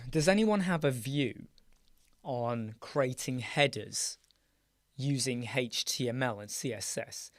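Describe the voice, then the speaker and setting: Speaking slowly but animatedly, a hoarse British man runs a live chat show from a cramped, dark, soundproofed room. He greets viewers by name, clears his croaky throat, and trails off before restarting. His mid-pitched voice sounds a bit bright, and the booth gives a very dry recording.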